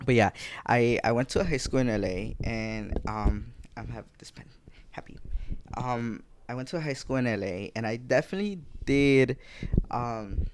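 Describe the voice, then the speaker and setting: A man's voice: medium pitch, normal speed, a little hiss or hum. A man in his twenties, from Guatemala, hosting a casual solo podcast from home on a desk mic, rambling and correcting himself as he talks to listeners. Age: 20s. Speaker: podcast host.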